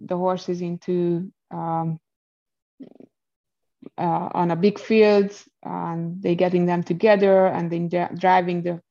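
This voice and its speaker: A woman's voice: lowish voice, warm tone, muffled recording. A woman from Hungary with a Hungarian accent, explaining in a conversational interview and searching for words as a non-native speaker. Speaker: interview guest, equestrian rider.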